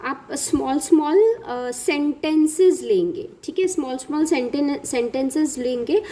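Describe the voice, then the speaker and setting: A young woman gives step-by-step teaching tips to parents, mixing in English terms and slowly modelling example words. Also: sits high, warm tone. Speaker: parent educator. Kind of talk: instructional talk.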